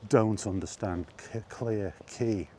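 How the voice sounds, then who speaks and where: Taking his time, a British vlogger with a dark, deep voice delivers a rambling, opinionated monologue about film. He's casual yet blunt, sounding exasperated and sarcastic in a dry way, while faint noise hums behind him.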